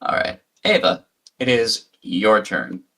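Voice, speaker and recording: A man's voice: fairly low pitch, animated, pushed and bright, husky. A man narrating a tabletop game as game master, often stumbling and restarting his sentences. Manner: halting, many restarts.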